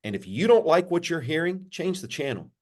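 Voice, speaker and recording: A pastor, a man, answering interview questions in a sermon-like way, repeating phrases and lifting his pitch for emphasis. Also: sing-song, a little fast. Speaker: pastor, podcast guest.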